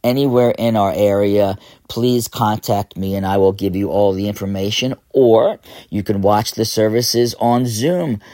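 A man with a hoarse, fairly low voice hosts an inspirational radio sermon. He speaks very slowly and earnestly, leaning on repeated phrases. The sound is close and dry. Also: dark tone, dry recording. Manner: earnest, emphatic repetition of phrases.

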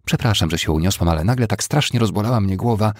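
Brief: male reader doing a nervous schemer, sharp-tongued woman, dry close sound. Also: lowish voice, quick pace, no echo, pitched above the performer's own voice. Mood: tense.

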